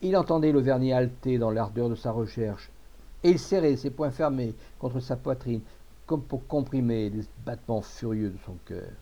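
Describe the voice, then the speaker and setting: A man reading a classic tale aloud, measured and expressive, on a dull lo-fi recording. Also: mid-range voice. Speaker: narrator.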